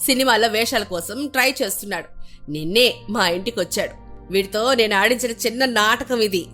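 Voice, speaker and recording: A woman voicing a thrifty, sharp-tongued older mother-in-law in an animated family story. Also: fairly high pitch, normal speed, soft background music. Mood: blunt.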